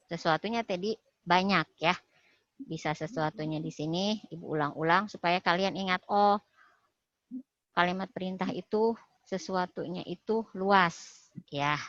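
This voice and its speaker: A woman's voice: medium pitch, fairly bright tone, no echo. A woman teaching a language class over a video call, explaining step by step and repeating key points. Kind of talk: online class lesson. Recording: dull lo-fi video call audio.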